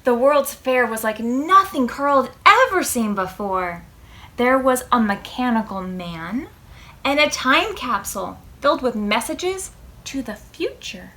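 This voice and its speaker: She's a storytime host sharing a picture book with preschoolers, her slightly high voice moving at a measured pace. Expressive throughout, she lingers on words and puts questions to the kids.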